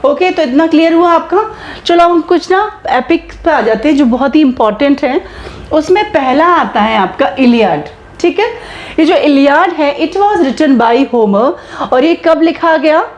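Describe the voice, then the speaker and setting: A woman teacher giving an exam-prep lecture, switching between Hindi and English, slowing down for English terms and often checking in with "okay" and quiz questions. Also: high voice, lively intonation, echoey room, lo-fi sound. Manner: mixes Hindi and English, slow deliberate English phrases.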